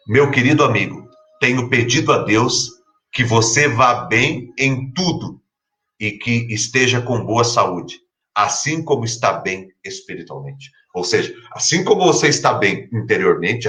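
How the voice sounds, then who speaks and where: A man preaching a sermon with a Brazilian Portuguese accent, repeating key phrases and rising in pitch for scripture. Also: bright, forceful tone. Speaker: pastor.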